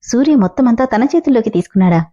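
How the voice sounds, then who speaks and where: A woman's voice: fairly high pitch, animated, very fast, mellow, breathy edge, highs cut off. Woman reading as a stern young woman lawyer. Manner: firm, questioning.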